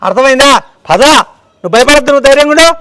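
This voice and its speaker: A man playing a blustering landlord in a comedy sketch, boasting loudly but secretly scared. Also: very high voice, expressive, rapid-fire, full character voice.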